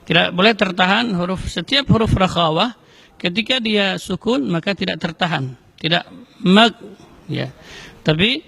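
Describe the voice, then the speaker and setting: A man teaching correct Quran recitation, explaining letter sounds slowly and carefully between chanted verses. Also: high-pitched, lively intonation, gravelly, sharp tone, breathy edge, dry recording. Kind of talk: tajwid lesson with recited examples.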